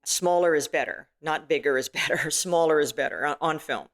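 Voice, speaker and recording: A middle-aged filmmaker and actress, appearing as an interview guest, speaks fairly quickly in a booming, stage-trained voice. She chats casually, with lots of "you know"s and restarts.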